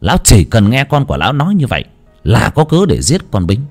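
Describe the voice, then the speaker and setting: A man narrating a dramatic story in an expressive, theatrical way. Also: lowish voice, fast, breathy edge, faint music behind.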